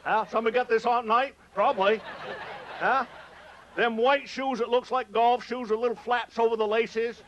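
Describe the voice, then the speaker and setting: A humorist from Maine with a Maine accent performs live on stage, telling comic stories in a folksy, rustic dialect and teasing the audience. His voice is extremely high and steady at a moderate pace, and the muffled recording carries a little hiss or hum.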